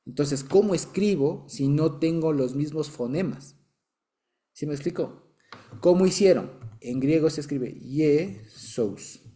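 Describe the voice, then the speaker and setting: This Bible study teacher, a man with an Ecuadorian accent, has a mellow voice on the high side and keeps a measured pace. He explains things with patience, keeps checking that listeners follow, and chuckles from time to time.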